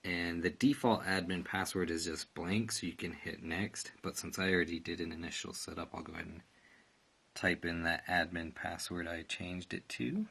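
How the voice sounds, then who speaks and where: The man speaks in a low-pitched, slightly bright voice, steady in tone and moderate in pace. Reviewing a product, he takes listeners through a casual step-by-step tutorial in a room with clear background noise and ambience.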